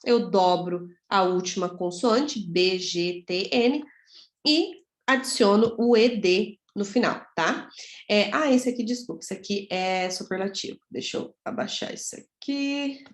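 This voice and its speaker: A woman's voice: medium pitch, a little slow. A woman from Brazil teaching an English grammar lesson in a chatty way, often checking in with her students. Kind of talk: casual video lesson. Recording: echoey room.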